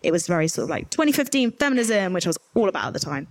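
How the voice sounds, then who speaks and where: A woman's voice: lowish voice, very animated, racing, no room sound. A young woman from rural Herefordshire with a modern British Received Pronunciation accent, giving candid, informal interview answers with emphatic asides. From rural Herefordshire, England. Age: young adult. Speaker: journalist guest on a panel. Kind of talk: candid conversational interview answers at a live event.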